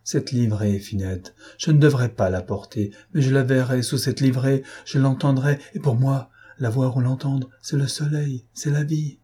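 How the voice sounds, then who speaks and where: A man's voice: medium pitch, steady tone, moderate pace, hardly any pauses, mellow, breathy edge, natural voice. A man voicing a proud, lovesick young man who speaks in passionate, despairing outbursts in an audiobook. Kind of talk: audiobook character voice.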